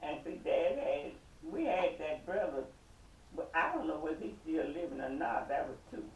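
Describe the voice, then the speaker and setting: An older woman, slowly telling family stories and laughing often as she remembers. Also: low-pitched, sing-song, darkish tone, highs cut off. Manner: slow, laughing reminiscence. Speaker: interviewee. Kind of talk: family storytelling. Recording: echoey room, distant mic, faint hiss.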